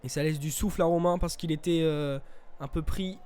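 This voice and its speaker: A man giving live race commentary as a motorsport commentator, moving between measured observation and excited calls of the action. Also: fairly high pitch, clean tone. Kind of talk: live race commentary, esports sim racing.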